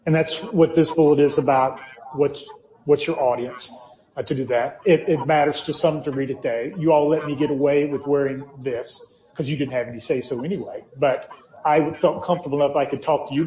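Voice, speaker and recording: A man's voice: a little high, fairly even intonation, a little fast, mellow. A man lecturing informally at a conference, joking with the room. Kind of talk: conference talk. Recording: echoey, dull hall sound.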